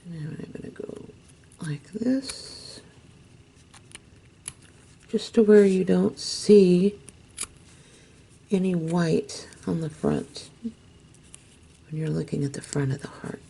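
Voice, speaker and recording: Slow, low-voiced woman, gravelly and mellow. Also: a little hiss or hum. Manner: gentle, unhurried, dips into soft whispers while working. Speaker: craft tutorial host. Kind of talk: step-by-step craft instruction.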